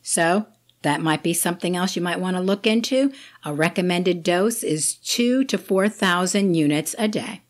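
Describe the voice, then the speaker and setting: A woman physician hosting a health talk, explaining remedies in a clear, lightly joking way. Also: fairly low pitch, normal speed. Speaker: physician host. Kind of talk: health advice talk to camera.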